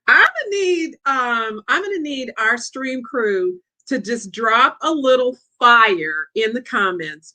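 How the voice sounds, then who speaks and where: Excited chatty woman hosting a livestream. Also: a little high. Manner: excitable, chatty, addresses audience as y'all. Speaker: livestream host and coach. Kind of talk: lively casual livestream hosting.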